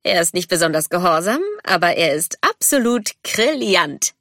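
A woman voicing a friendly, outgoing young merboy in an audiobook story, talking in an excited, chatty way. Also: on the low side, normal speed, dry recording, studio quality.

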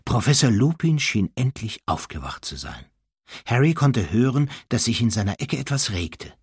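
A man narrating an audiobook in expressive storytelling style, with a husky voice. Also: medium pitch, moderate pace, no room sound, clean studio sound. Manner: expressive storytelling, voicing the characters. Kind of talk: audiobook reading.

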